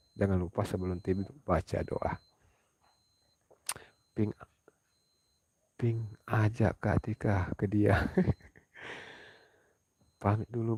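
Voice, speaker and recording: A man from South Sulawesi hosting a casual late-night livestream, speaking in a hushed voice so as not to wake others, reading viewer comments aloud and answering them at home at night. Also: lowish voice, breathy edge, no echo. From South Sulawesi, Indonesia. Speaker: livestream host.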